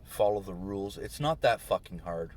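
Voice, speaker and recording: A man's voice: low-pitched, lively intonation, moderate pace. Tired, irritated man venting. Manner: swearing, ranting, rising to shouts. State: tired, short on sleep. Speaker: vlogger. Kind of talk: angry ranting vlog.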